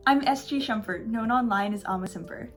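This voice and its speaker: A woman's voice: a little high, fairly quick, soft background music. A woman artist narrating her vlog in a friendly, chatty, self-deprecating way. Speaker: artist and video creator.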